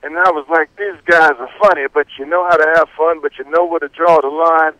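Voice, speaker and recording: A man's voice: fairly high pitch, fairly even intonation, brisk, sharp tone, dry recording. A man calling in to a radio show over the phone, a reverend who speaks in effusive, grateful praise. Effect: heard over a phone line. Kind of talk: call-in chat.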